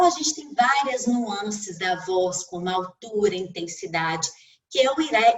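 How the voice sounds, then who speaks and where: A woman's voice: medium pitch, a bit bright, recorded from a distance, poor audio. A speech therapist giving a didactic talk on a video call, with a Brazilian Portuguese accent, addressing her listeners directly. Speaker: speech therapist and communication mentor.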